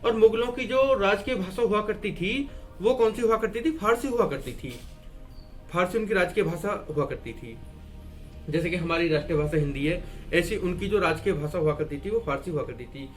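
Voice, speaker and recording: High-voiced man teaching Hindi grammar. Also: a little fast, soft background music. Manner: asks and answers his own questions, repeating key words; writes and erases on a board while explaining. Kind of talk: classroom-style grammar lesson at a board.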